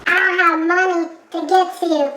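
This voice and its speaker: The vlogger voicing a blunt, broke young male friend in a much higher voice, in a roomy-sounding room. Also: level tone, normal speed, bright, forceful tone, soft background music. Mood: flat.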